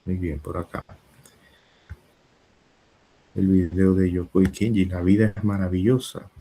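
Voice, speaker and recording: Male teacher on a video call, deep and slow, husky, dark tone. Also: fairly even intonation. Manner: slow, takes attendance, talks to students. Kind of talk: online class.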